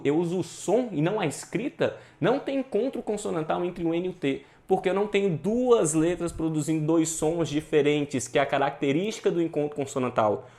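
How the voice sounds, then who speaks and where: A man's voice: fairly high pitch, darkish tone. A male teacher, explaining exam questions in a casual, slangy, emphatic way. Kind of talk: exam prep lesson.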